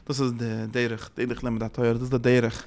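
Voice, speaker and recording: A man giving a religious teaching in a lively, rambling way, mixing in Yiddish and English words. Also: mid-range voice, quick pace, gravelly. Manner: lively, mixes Yiddish and English into his talk.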